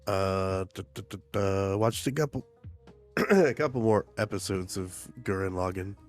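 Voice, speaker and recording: A congested young man co-hosting a casual podcast chat, rambling and halting. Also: sits low, faint music behind. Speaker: podcast co-host.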